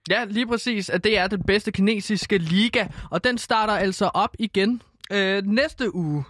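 A man's voice: high-pitched, fairly bright tone, no room sound, clean studio sound. A man talking football on a radio show, casual and hesitant with many ums. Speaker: football pundit.

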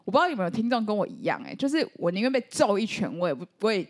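Young Taiwanese-accented woman, podcast co-host: quick, animated, very expressive pitch. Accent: Taiwanese Mandarin. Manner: animated storyteller, laughs often, high-pitched when quoting. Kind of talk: casual chat.

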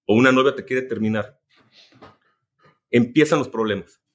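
A man's voice: mid-range voice, moderate pace. A man with a Mexican Spanish accent, a business executive telling workplace anecdotes in a casual interview. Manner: anecdotal, many restarts and asides.

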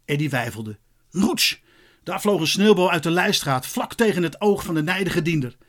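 A man narrating a children's story as an expressive, lively audiobook reading. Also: fairly high pitch, a little fast.

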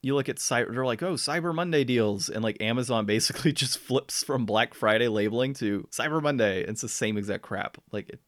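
A man's voice: medium pitch, brisk, hardly any pauses, fairly bright tone, dry recording. Chatty male podcast host, dry close sound. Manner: loose and chatty, lots of fillers and laughs. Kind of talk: casual chat.

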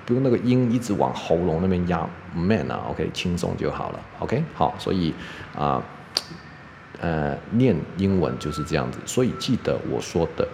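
A middle-aged man teaching English pronunciation on a podcast, chatty and relaxed, tagging "OK?" onto his sentences. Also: low voice, moderate pace, creaky, long reverb tail, slight background noise. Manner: relaxed, chatty, peppers speech with "OK?".

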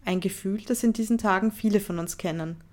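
Woman radio host, calm measured scripted read. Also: mid-range voice.

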